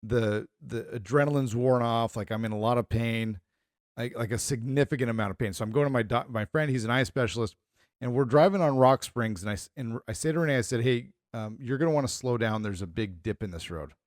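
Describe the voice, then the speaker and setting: A man's voice: mid-range voice, fairly quick, no echo, studio quality. A middle-aged man co-hosting a podcast, telling rambling stories in casual chat and acting out the people in them. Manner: rambling storyteller, animated retellings. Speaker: podcast co-host.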